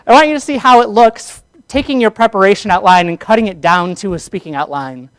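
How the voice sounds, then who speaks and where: A male instructor with a high, crisp voice lectures a classroom on public speaking. He is energetic and keeps asking the students questions. The sound is dry and close. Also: fairly quick, no room sound.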